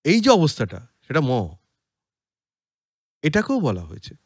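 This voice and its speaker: A man with a Bengali accent giving an explanatory spiritual talk, chanting Sanskrit verses slowly and deliberately. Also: on the high side, huge pitch swings, breathy edge, no room sound, studio quality. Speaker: podcast speaker on scripture.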